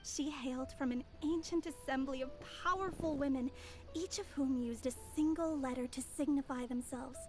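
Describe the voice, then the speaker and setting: A woman's voice: high-pitched, normal speed, close to an everyday voice. A woman voicing a polite, self-assured, sly young mage in a video game. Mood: confident.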